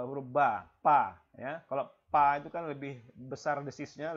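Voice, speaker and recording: A man teaching an online Arabic class, explaining vocabulary slowly and repeating each phrase, often tagging lines with "ya". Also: medium pitch, dull audio. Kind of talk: online language lesson. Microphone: video call.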